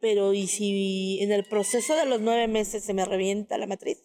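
A woman sharing a personal testimony in casual storytelling, speaking hesitantly with many filler pauses. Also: mid-range voice, fairly even intonation, warm tone, big-room sound.

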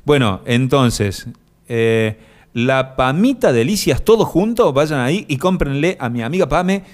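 A man's voice: mid-range voice, animated, a little slow. A man with an Argentine accent hosting a live stream, reading viewer comments and rambling through mock-serious jokes with many fillers. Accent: Argentine Spanish. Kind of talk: joking casual chat.

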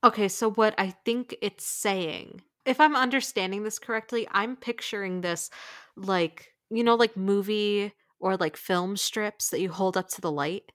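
A woman's voice: mid-range voice, a little slow, fairly bright tone, dry recording, studio quality. A young woman co-hosting a casual podcast, rambling with lots of filler words and frequent giggles. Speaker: podcast co-host.

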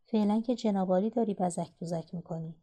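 Woman voicing a bitter, cutting housewife in a storybook, dark mellow tone. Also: mid-range voice, lightly acted. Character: bitter, sharp-tongued housewife mother.

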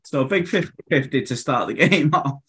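A man's voice: mid-range voice, lively intonation, fairly quick, a bit bright, a little hiss or hum. A man, a club official guesting on a podcast, telling jokey anecdotes in casual chat.

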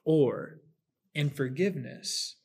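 A man's voice: on the high side, slow pace, a little mellow, slightly rough. Thoughtful man explaining an illustration. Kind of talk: casual faith discussion.

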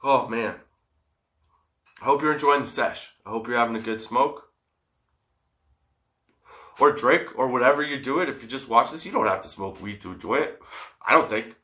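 A man's voice: mid-range voice, normal speed, pauses often, bright, forceful tone. A man hosting a casual, comedic solo podcast, stoned and rambling, giggly, drawing out the odd word. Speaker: podcast host.

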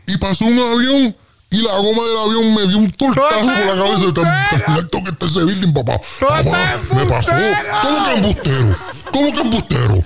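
A man's voice: high-pitched, lively intonation, brisk, gravelly, over a noisy crowd. A man with a Puerto Rican accent on a comedy radio show, boasting through an exaggerated story full of slang and sung sound effects.

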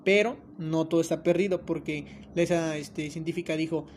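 A man's voice: a little high, normal speed, a little hiss or hum. A man with a Mexican accent hosting a casual film recap, joking and telling it with lots of fillers. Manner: joking, animated storytelling with many fillers.

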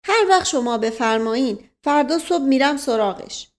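Folksy old male servant, drawling and rambling , voiced by a woman, pitched high. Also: lively intonation. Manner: folksy, drawn-out, repeats his stock phrase.

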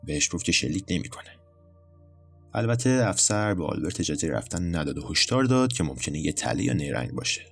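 A man narrating a scripted story in a measured, storytelling manner. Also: low voice, very animated, gravelly, faint music behind.

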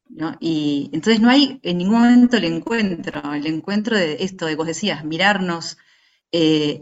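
A woman, hosting a casual conversation and chiming in with agreement. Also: lowish voice. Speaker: host. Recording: dull lo-fi sound.

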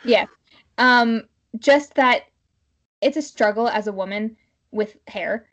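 A woman podcast co-host chatting casually and informally in a halting, filler-heavy way. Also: a little high.

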